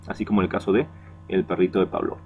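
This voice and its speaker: A man's voice: low-pitched, level tone, very fast, narrow, tinny audio, soft background music. A male secondary school teacher giving a recorded class lecture, explaining patiently and checking in with "¿no?" and "¿ya?". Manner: explains patiently, tags lines with "¿no?" and "¿ya?".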